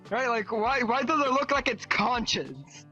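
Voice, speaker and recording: A visitor in a social VR world telling an animated story, excitable, swearing and tagging lines with "right?". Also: medium pitch, measured pace, muffled recording, soft background music. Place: social VR world over voice chat.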